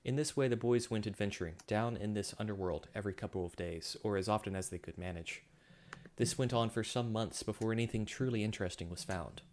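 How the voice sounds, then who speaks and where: A man's voice: fairly low pitch, a little fast, a little mellow. A man reading his own science fiction story aloud, with occasional slips and self-corrections. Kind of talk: story narration.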